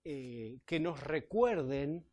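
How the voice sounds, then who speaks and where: A man's voice: fairly high pitch, expressive, drawn-out words, warm tone. A man, a pastor preaching a sermon in church, reading scripture and explaining it in a conversational way. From Chile. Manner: conversational, with tag questions to the congregation.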